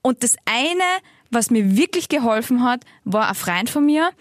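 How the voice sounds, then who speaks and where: A woman, co-hosting a podcast and telling a personal story in a chatty, animated way with casual swearing. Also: on the high side, moderate pace, no echo, studio quality. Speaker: podcast co-host. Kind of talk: casual chat.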